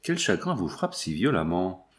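A man's voice: low voice, very animated, normal speed, pitched below the performer's own voice. A man voicing a grave young lawyer.

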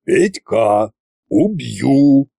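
A man voicing a gruff, commanding old undead tsar in an audiobook, speaking slowly in a gravelly, husky voice. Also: mid-range voice, sing-song, mellow, no room sound, clean studio sound, exaggerated voice. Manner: slow, drawling delivery. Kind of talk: audiobook character voice.

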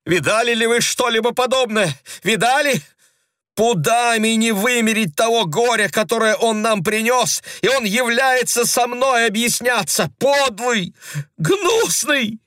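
A man doing a shrill, hysterical young woman. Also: normal speed, fairly bright tone, dry recording, clean studio sound, close to an everyday voice. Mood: furious. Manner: shrieking, frantic.

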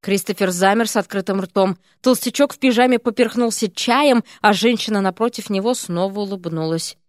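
A woman's voice: normal speed, dry recording, clean studio sound. A woman reading a fantasy story aloud, giving each character its own voice. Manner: acts out characters with shifting pitch and pace. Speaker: audiobook narrator. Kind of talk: expressive audiobook reading.

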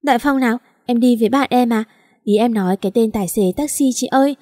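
Woman reading as a lively young sister, impulsive, a bit high and mellow. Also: fast, no echo, clean studio sound, close to an everyday voice. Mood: chatty.

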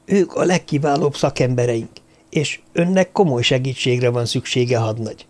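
A man voicing a composed, polite woman doctor in an audiobook, speaking in a persuasive, measured way. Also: medium pitch, a little mellow, lightly acted. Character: calm, poised woman doctor. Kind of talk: audiobook character voice.

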